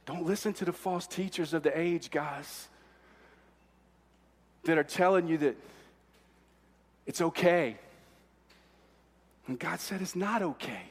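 A male pastor preaches with fervor, his voice sitting high and swinging between quiet asides and shouts. The sermon rings with long reverb through a large church hall. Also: slow, pauses often, breathy edge. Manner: fervent, emphatic, swings between hushed and shouting.

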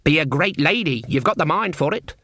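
A man's voice: on the high side, expressive, a little fast, bright, forceful tone, no echo, clean studio sound, voice pushed up, exaggerated voice. A man reading a story aloud, putting on the voice of a stubborn, fierce old witch with blunt rustic speech. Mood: stern. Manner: gruff rustic speech, dropped grammar.

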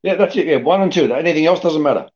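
A middle-aged man raised in Australia, talking casually as a podcast guest in a rambling, lively way with many restarts. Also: a little high, quick pace. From born in Greece, raised in Australia. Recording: dull lo-fi podcast audio.

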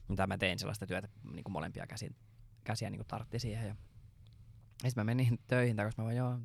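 A man's voice: on the low side, fairly even intonation, vocal fry. A man co-hosting a podcast, telling a story in a rambling, casual way with lots of fillers and swearing. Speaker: podcast co-host.

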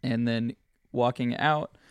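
A man co-hosting a podcast, telling a funny story in a casual, animated way with lots of laughter. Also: mid-range voice, takes it slowly, clean tone, no echo. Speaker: podcast co-host.

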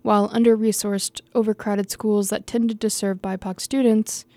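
Young woman reading her essay, dark tone. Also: medium pitch, flat delivery, normal speed, no room sound. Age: young adult. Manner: casual, laughs off her own slips and restarts. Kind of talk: reading an essay aloud with unscripted asides.

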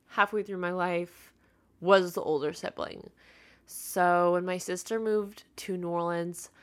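A woman's voice: mid-range voice, pushed and bright. Chatty young woman rambling on her podcast. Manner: rambling and chatty, full of fillers and asides; heartfelt and open. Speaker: podcast host. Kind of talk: casual solo podcast monologue.

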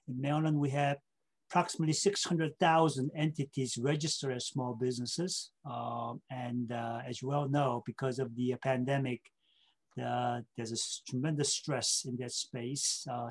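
A man's voice: mid-range voice, normal speed, darkish tone. A man from South Korea speaking English as an interview guest, ending his points with tag questions and many filler uhs. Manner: ends points with tag questions like okay and right; frequent filler uhs and repeated words. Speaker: state government official, interview guest. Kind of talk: casual interview talk.

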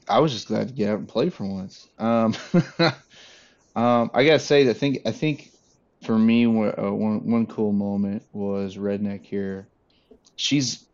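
On a podcast, a man who runs airsoft games chats casually, rambling in a relaxed way and using many fillers. His voice sits at medium pitch and is slightly mellow, and the lo-fi audio sounds dull.

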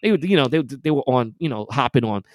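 A man's voice: mid-range voice, animated, fast talker, no room sound, clean studio sound. A man hosting a podcast, ranting in a casual, gloating and heated way, full of profane trash talk. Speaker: podcast host.

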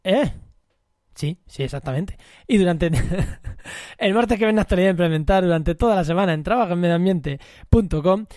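A man from co-hosting a casual podcast, chatty, repeating words and filling pauses with "eh". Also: high-pitched, expressive, darkish tone, no echo, clean studio sound. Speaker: podcast co-host.

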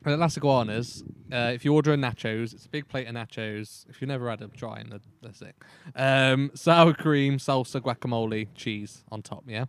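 A man's voice: mid-range voice, moderate pace, few pauses, clear, resonant tone. A man hosting a podcast, telling a story in casual chat and laughing often. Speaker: podcast host.

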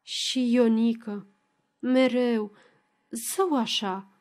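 A woman reads a bashful young village girl in a storybook, murmuring softly and a little breathlessly, flustered and coy. Her voice sits rather high and light. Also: steady tone, natural voice.

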